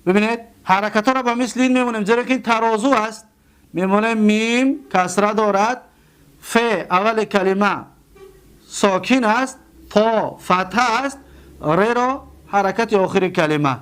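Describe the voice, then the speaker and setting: High, clear-voiced Tajik male teacher. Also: fairly bright tone. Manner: slow, repeats words and spells them out. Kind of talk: grammar lesson.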